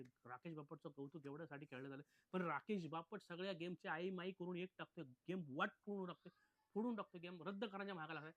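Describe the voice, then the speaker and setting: A man's voice: a little high, a bit bright, dry recording, dull audio. A man giving a casual, opinionated recap of a reality show episode, talking bluntly and calling his viewers friends.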